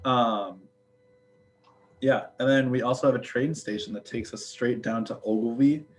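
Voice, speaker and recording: This young man is a student ambassador making casual chat, full of fillers and jokes. His mid-range voice holds a steady tone at normal speed, and the rough recording carries a little hiss or hum.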